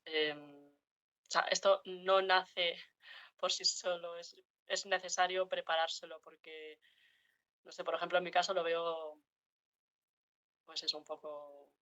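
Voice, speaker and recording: A woman answers in a workshop in a low, flat, bright voice. She hesitates and searches for words. The sound is dull and lo-fi. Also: unhurried. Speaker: workshop participant. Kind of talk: answering in a class discussion.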